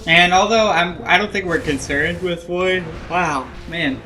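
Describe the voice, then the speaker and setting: A man's voice: high-pitched, measured pace, bright, forceful tone, soft background music. A young man giving casual, self-critical commentary over his own match footage, rambling with lots of ums and likes, drowsy and yawning. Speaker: gameplay analyst.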